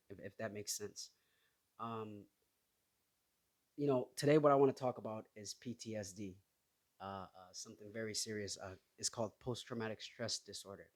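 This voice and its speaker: A man in his thirties from Somalia, hosting his own podcast and talking in a halting, personal way full of restarts. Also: medium pitch. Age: 30s. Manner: hesitant, halting, with many restarts and fillers. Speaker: podcast host. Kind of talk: casual solo podcast talk.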